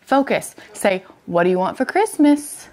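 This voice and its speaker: A woman in her thirties filming a family home video, gently coaxing and directing a small child in a living room. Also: on the high side, very animated, a little slow, a little hiss or hum. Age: 30s. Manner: coaxing, playful, directs a toddler. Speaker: family vlogger filming interviews. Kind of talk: casual home video chat.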